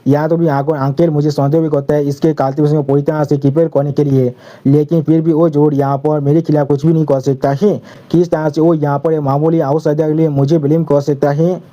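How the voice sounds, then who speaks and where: A man's voice: on the high side, flat delivery, a little fast, mellow, dull audio, lightly acted. A man reading an arrogant young clan genius. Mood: boastful. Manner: boastful and defiant.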